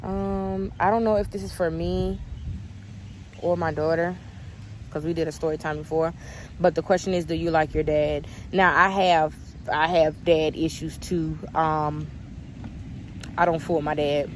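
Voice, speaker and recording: A woman's voice: deep voice, fairly even intonation, unhurried, pauses often, slight background noise. Candid chatty young woman vlogger. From United States. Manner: candid, chatty, emphatic storytelling. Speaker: vlogger answering viewer questions. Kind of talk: casual story time Q&A.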